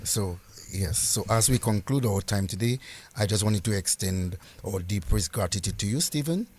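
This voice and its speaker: Low-voiced man making formal closing remarks. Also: animated, normal speed, darkish tone, slightly rough. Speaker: credit union representative. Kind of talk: prepared closing remarks to listeners.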